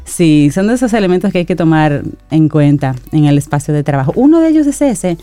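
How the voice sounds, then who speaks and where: A woman co-hosting a radio talk show, telling stories in a chatty, amused way. Her voice is warm and mellow, recorded close and dry. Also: sits low, very animated, fairly quick, no echo.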